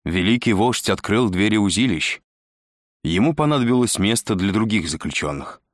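A man doing a restless, mocking man who hisses and splutters through his lines. The voice rides above a deep natural register, the recording dry and close with no room sound. Part of an audiobook reading. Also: expressive, normal speed, no room sound. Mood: sardonic. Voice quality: hissing, spluttering. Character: agitated sardonic man, hissing and spluttering.

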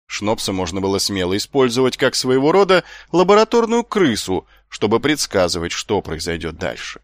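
Man narrating an audiobook, lively up and down voice, dry close sound. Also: on the low side, moderate pace, no room sound. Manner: expressive storytelling. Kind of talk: scripted narration.

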